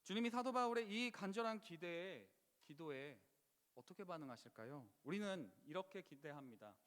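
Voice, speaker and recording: In a high-pitched, somewhat bright and expressive voice, a man delivers a Friday prayer sermon at a normal pace. His tone is earnest and pleading, sometimes breaking into emotional outcries, with long reverb from the church sanctuary he's in.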